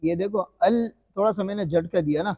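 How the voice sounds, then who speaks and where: Male recitation teacher with a high voice: repeats questions, drags out the examples, sounds heavily reverbed. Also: gravelly, mellow. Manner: repeats questions to the students and answers them himself; slow, drawn-out demonstration recitations. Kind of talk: classroom-style recitation lesson.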